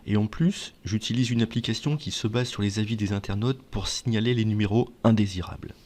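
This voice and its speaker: This video presenter offers advice in a conversational, semi-scripted explainer, regularly asking questions and answering them himself. His voice is lowish and a little mellow, and he talks briskly.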